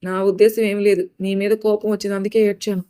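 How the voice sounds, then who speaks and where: A woman's voice: mid-range voice, flat delivery, dark tone, natural voice. A woman voicing a mischievous, stubborn young woman in a storybook. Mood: cheeky. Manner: cheeky, quick retorts.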